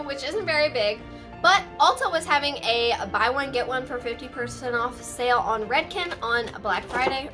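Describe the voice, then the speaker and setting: A high-pitched woman hosts a casual haul vlog with hyped, announcer-like gushing. She is playful and sassy, rambling to her viewers over background music. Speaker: host of a personal video channel. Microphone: on camera with ring light.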